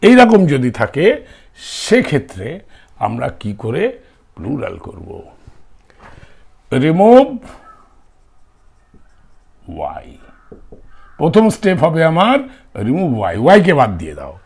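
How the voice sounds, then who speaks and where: Bengali-accented male teacher, fairly high voice with a gravelly edge, mixes Bengali and English. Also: huge pitch swings, a little slow, long pauses, darkish tone. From India. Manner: switches between Bengali and English, checks in with questions to students. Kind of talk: classroom grammar lesson, spelling words letter by letter.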